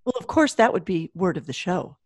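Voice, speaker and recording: A woman's voice: fairly low pitch, big pitch swings, fairly quick, no room sound, clean studio sound. A middle-aged woman with a Michigan accent, chatting casually as a podcast co-host. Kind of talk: casual scripted-topic podcast chat.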